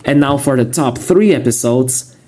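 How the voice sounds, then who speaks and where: A man narrating a casual video review in a monotone, matter-of-fact way. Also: mid-range voice, moderate pace. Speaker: YouTube reviewer.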